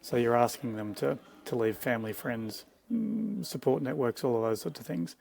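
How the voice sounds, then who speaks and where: A man's voice: medium pitch, expressive, normal speed, vocal fry, a little mellow. A middle-aged man with an Australian accent, a guest osteopath who speaks frankly and thoughtfully in a conversational interview. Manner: frank, reflective, opinionated. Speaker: guest osteopath and clinic co-director.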